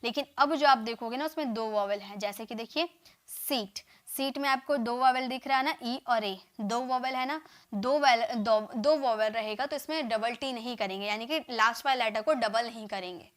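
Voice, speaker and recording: A woman teaching English verb forms in an online lesson, slowly repeating each form and urging viewers to like and share. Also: fairly high pitch, a bit bright.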